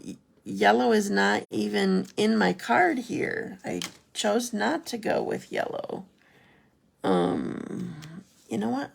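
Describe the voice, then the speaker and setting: A woman's voice: mid-range voice, vocal fry, slight background noise. A woman hosting a casual live craft demo, chatty, correcting herself and answering viewer comments as she works.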